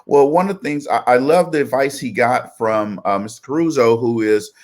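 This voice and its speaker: Male show host, upbeat and encouraging, mid-pitched, loose with fillers. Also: moderate pace, a little mellow. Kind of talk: casual podcast chat.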